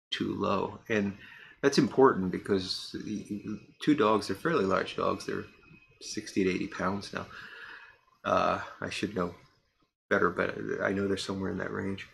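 A man's voice: low voice, gravelly, a bit bright, slight background noise. A man in his fifties chatting casually to camera from his home workshop, rambling and candid, with many restarts and fillers. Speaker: pipe tobacco reviewer. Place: home workshop room, indoors.

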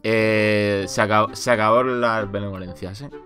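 A man's voice: on the low side, fairly even intonation, normal speed, music in the background. A man with a Spanish accent streaming a game, talking dramatically and pleading with his teammates. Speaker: streamer playing a social deduction game. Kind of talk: excited gaming banter.

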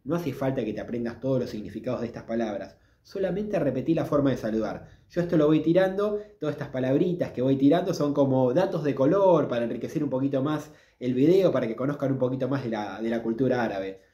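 A man with a Rioplatense Spanish accent, giving a casual video lesson on Arabic greetings and slowly repeating each word for practice. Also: medium pitch, lively intonation, mellow, reverberant. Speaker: Arabic language teacher.

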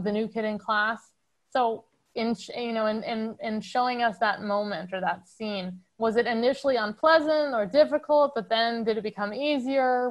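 A woman with a slightly high voice leads a writing workshop over a video call. She reads out a prompt in a relaxed, conversational way, pausing now and then with fillers and restarts.

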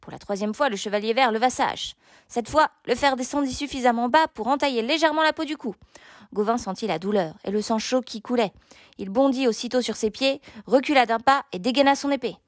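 A woman's voice: on the high side, fairly quick, no room sound, clean studio sound. Woman reading a storybook aloud. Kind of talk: audiobook narration.

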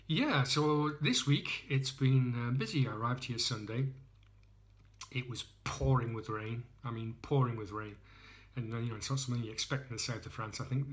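In this indoor handheld phone clip, an English beer reviewer talks his way through a tasting at a moderate pace and medium pitch. He keeps it chatty and rambling, often mocking himself.

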